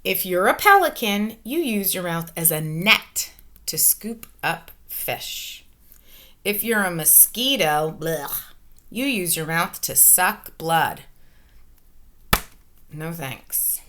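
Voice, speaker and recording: A woman in her forties reads a children's picture book aloud in a bright, forward voice, slowly and with lively swings in pitch. Like an elementary teacher, she is expressive and emphatic, stressing key words, asking questions and directing her delivery to young listeners. She records indoors in a small furnished room at home on a webcam or laptop microphone held at arm's length.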